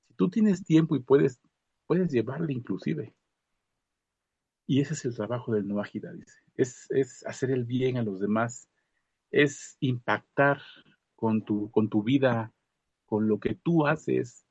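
A man shares a reflection on a video call. His voice is gravelly, dark and husky, and he pauses often with fillers and restarts. The call audio is dull, lo-fi and dry. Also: medium pitch, dry recording. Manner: halting, with many fillers and restarts. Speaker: study group member giving a comment. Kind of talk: casual religious reflection.

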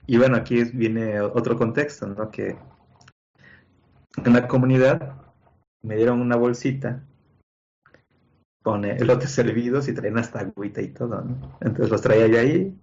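A man's voice: mid-range voice, highs cut off. Mexican man telling a funny anecdote. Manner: animated storyteller, acts out quotes, many fillers like "¿no?" and "este".

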